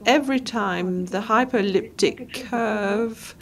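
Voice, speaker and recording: A woman giving live interpretation of a lecture, speaking in short halting phrases and correcting herself as she goes. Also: mid-range voice. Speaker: simultaneous interpreter.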